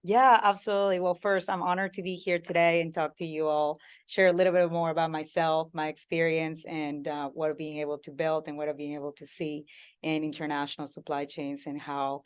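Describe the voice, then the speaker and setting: Woman from Peru, guest speaker, lowish voice, engaging, asks the room questions. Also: level tone, brisk, clean tone. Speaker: guest speaker, food company founder. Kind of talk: public talk to an audience.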